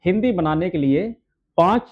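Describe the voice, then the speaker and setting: A man's voice: high-pitched, expressive, normal speed, muffled recording. A man teaching shorthand step by step. He asks his own questions, answers them, and checks in with "है ना" and "ठीक है". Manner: keeps adding "है ना" and "ठीक है" as checks. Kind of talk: steno dictation lesson.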